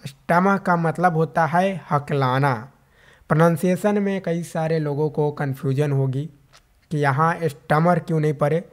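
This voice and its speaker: Young male tutor, fairly high voice, slow and repetitive, close mic. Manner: repeats each word slowly, then gives its meaning. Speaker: English vocabulary teacher. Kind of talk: vocabulary lesson.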